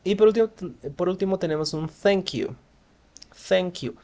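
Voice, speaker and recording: A man's voice: sits high, normal speed, warm tone. A man giving a language lesson, patiently modelling English phrases with acted intonation. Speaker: English teacher.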